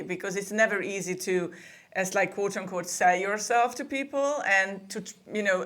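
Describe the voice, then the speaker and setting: A woman's voice: medium pitch, fairly bright tone. A woman from Hungary, chatting as a guest in a remote interview. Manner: chatty, with frequent laughs and restarts. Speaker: podcast booking agency co-owner, guest. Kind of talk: casual interview conversation.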